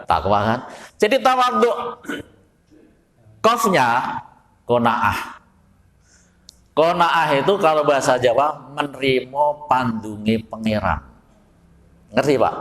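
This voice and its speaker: A man's voice: medium pitch, animated, slow pace, long pauses, a bit bright, in a large hall. A Javanese man preaching a folksy study sermon to his congregation, often putting questions to the audience. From Java. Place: mosque hall.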